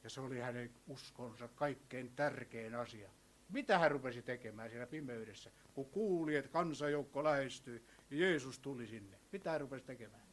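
A man preaching a sermon, telling a story and asking his listeners questions, his voice swinging between hushed and loud. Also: medium pitch.

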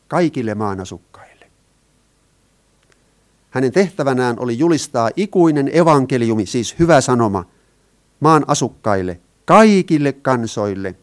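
Earnest man preaching a sermon. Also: medium pitch. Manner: earnest, asks the congregation questions, explains Greek words.

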